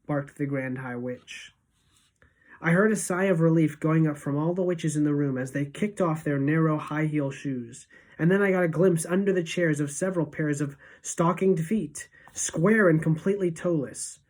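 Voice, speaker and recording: A woman teacher reading a novel aloud to students, expressive and shifting between hushed and emphatic. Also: deep voice, low-quality recording.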